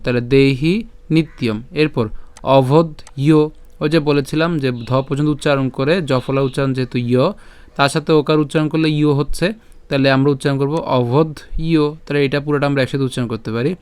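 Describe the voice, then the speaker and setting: A Bengali-accented man teaching Sanskrit verse pronunciation, breaking words into syllables, repeating them slowly and answering his own questions. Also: on the high side, fairly even intonation, a little mellow, clean tone. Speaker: Gita recitation teacher. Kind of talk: slow syllable-by-syllable pronunciation lesson.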